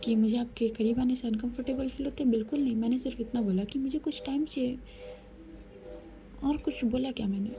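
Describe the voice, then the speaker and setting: A woman voicing a calm, firm young woman lover in a whispered role-play, speaking softly in a whisper. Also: on the high side, a little fast, close to an everyday voice. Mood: annoyed. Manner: soft whispered lines.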